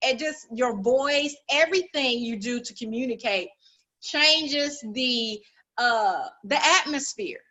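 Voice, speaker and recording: A woman's voice: fairly high pitch, slow pace, bright, forceful tone. A woman hosting an interview, agreeing with her guest and building on her points with everyday examples. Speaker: interview host. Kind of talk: conversational interview.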